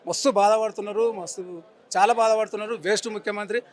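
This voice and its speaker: Pitched high and moving at a quick pace, this man's voice keeps a steady tone. He's in his forties, has a Telangana Telugu accent, and is a member of the public in a street interview, ranting angrily and emphatically while repeating his insults.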